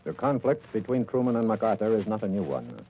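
A man narrating an old newsreel documentary in a measured, formal reading voice. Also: fairly low pitch, very animated. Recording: dull lo-fi archival audio with faint hiss.

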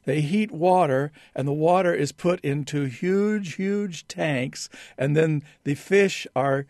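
A man chatting in a radio studio, talking haltingly with many restarts and fillers. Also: a little high, darkish tone, no echo. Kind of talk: casual radio chat.

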